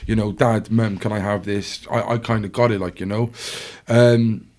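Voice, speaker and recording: A young South Welsh man with a lowish, slightly mellow voice speaks at a moderate pace with fairly even intonation. As a podcast guest, he tells his life story in a loose, rambling, casual way, full of restarts and fillers.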